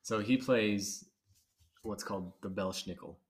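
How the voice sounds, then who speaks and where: Male podcast co-host, low-pitched, loose and rambling, quick to laugh. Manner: rambling, laughs often, trails off. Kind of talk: casual chat.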